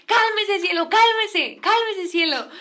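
A woman playing a nervous middle-aged male driver, quoting him as he gently coaxes a passenger to calm down. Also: very high voice, takes it slowly, voice pushed up, exaggerated voice. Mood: coaxing. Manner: soft, coaxing repetition.

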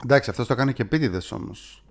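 A man's voice: medium pitch, lively intonation. A man co-hosting a casual podcast, chatty and explaining at length. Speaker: podcast co-host.

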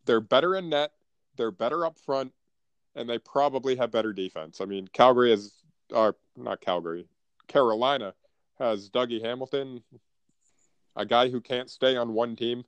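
A man's voice: medium pitch, normal speed, clean tone, dry recording, highs cut off. A North American man in casual sports chat as a podcast co-host, blunt and profane with frat-bro banter.

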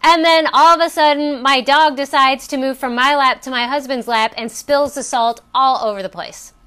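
A woman's voice: sits high, fairly even intonation, normal speed, sharp tone. A woman hosting a personal coaching talk, telling a story in a chatty way with fillers and restarts. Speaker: host.

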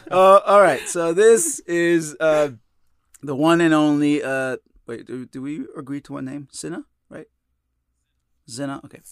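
A man's voice: on the high side, measured pace, clear, resonant tone, no room sound, clean studio sound. A young man co-hosting a casual podcast, talking in a rambling way with many fillers. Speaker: podcast co-host. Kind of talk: casual chat.

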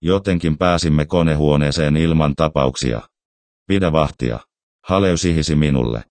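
A man reading a scary story aloud as narrator, in a steady, measured, somber way. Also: rumbling low, no echo. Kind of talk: scripted horror story narration.

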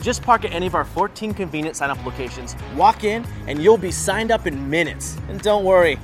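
A man playing an upbeat talking app in a comic advertisement pitch. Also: expressive, brisk, faint music behind. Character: upbeat talking male sports betting app.

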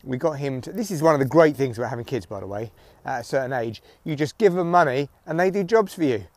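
A man's voice: mid-range voice, lively intonation, fast talker, a little mellow, no echo. A middle-aged British man chatting casually and wryly, with swearing, recorded outdoors on a walk through headphones used as a mic near his neck. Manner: sweary, wry. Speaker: podcast host and comedian. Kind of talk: casual solo chat, rambling audio diary. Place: outdoors, walking in the evening.

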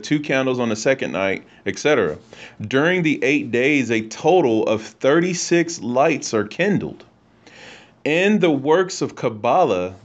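A man hosting a livestream, explaining religious texts in a casual teaching style. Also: medium pitch. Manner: explanatory, reads and comments on texts. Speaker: host. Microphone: internet call/stream. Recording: lo-fi online stream audio.

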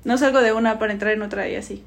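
A young woman, telling a school story in animated casual chat, often laughing and mimicking voices. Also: medium pitch, very fast, creaky.

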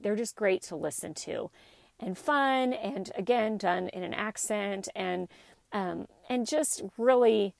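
A woman's voice: mid-range voice, vocal fry, a little mellow, dry recording. A middle-aged woman hosting her own podcast, talking casually and rambling with frequent restarts and fillers. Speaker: podcast host; teacher. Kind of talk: casual solo podcast talk.

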